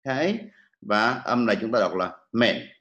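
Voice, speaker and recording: A man's voice: fairly low pitch, animated, a little slow, fairly bright tone, reverberant, lo-fi sound. A man teaching English pronunciation, patiently repeating each sound for students to copy. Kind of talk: pronunciation lesson with repetition drills.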